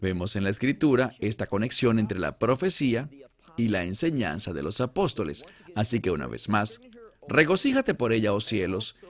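A man preaching an expository sermon, emphatic, asking rhetorical questions and slowing down to read scripture aloud. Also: lowish voice.

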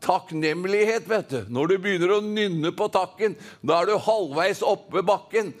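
Fervent high-voiced preacher. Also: male voice. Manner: fervent, rhythmic, calls for congregation responses. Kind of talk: Pentecostal sermon.

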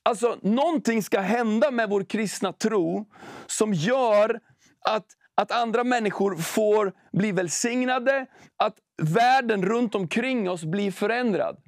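Male preacher, casual storytelling sermon; high voice with a gravelly edge, close and dry. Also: dry recording. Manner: conversational, storytelling, slow and emphatic when reading scripture. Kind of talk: sermon with prayer and personal story.

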